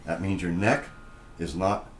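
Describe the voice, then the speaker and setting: A man's voice: low voice, fairly even intonation, measured pace, slight background noise. A man casually walking through a guitar inspection in a plainspoken, folksy way, explaining each check step by step. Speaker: guitar reviewer. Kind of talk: casual hands-on product walkthrough.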